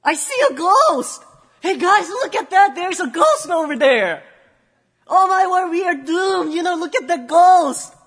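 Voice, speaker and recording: A man voicing a group of panicking, frightened fishermen disciples, shrieking high and loud in alarm. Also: expressive, unhurried, in a large hall, full character voice. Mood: panicked.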